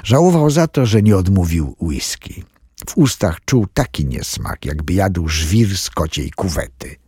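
A man reading a thriller audiobook as scripted narration, telling the story dramatically in a husky voice. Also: big pitch swings, measured pace, warm tone, no room sound, studio quality. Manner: dramatic storytelling with wide swings in pitch.

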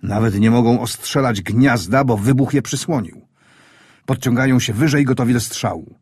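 A man reading a wartime story aloud in a grave, measured, tense manner. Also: mid-range voice, a little mellow, husky, no echo, clean studio sound. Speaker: audiobook narrator. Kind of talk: scripted wartime story narration.

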